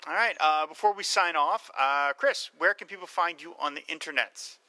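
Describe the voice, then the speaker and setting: A man's voice: fairly high pitch, normal speed, pushed and bright, no echo, low-quality recording. A man hosting a casual film podcast, speaking in an enthusiastic, emphatic way. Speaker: podcast host.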